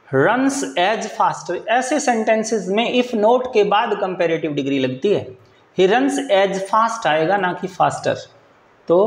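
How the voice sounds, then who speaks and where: A man teaching English grammar for exams, explaining in Hindi and reading English sentences slowly, often checking that listeners follow. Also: high voice, roomy sound, rough recording. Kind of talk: exam-prep grammar lesson.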